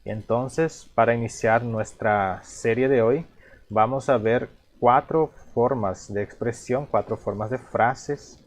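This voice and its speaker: A man teaching a language lesson, explaining slowly, repeating each term and asking himself questions before answering. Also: medium pitch. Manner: repeats terms patiently, asks himself rhetorical questions.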